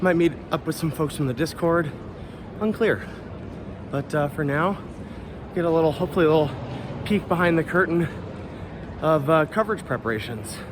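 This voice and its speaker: Male vlogger, joking tone, slightly high voice, noisy camera audio. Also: animated, normal speed, long pauses. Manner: joking, teasing. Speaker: podcast host vlogging a convention. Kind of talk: casual vlog chat. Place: convention venue and walkway.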